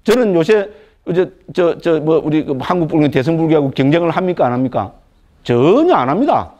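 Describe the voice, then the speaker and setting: An older male monk lectures on Buddhist texts in a lively, conversational way. His voice sits a little higher than most men's. He keeps tossing rhetorical questions to his listeners and checks they follow. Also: a little fast, highs cut off. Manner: animated, rhetorical questions with frequent tag questions. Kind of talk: dharma lecture.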